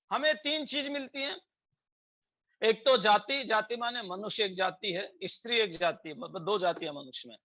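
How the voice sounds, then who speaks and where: A man's voice: very high voice, bright, forceful tone. A man with a Rajasthani Hindi accent giving a spiritual discourse, explaining scripture, quoting Sanskrit verses and asking rhetorical questions. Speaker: spiritual teacher. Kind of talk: sermon. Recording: dull lo-fi recording.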